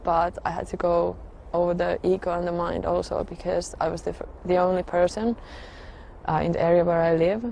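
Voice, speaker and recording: A woman, sharing her personal testimony in a halting, reflective way full of pauses and fillers. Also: lowish voice, flat delivery, creaky, warm tone, slight background noise. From Finland. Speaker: religious convert sharing her story.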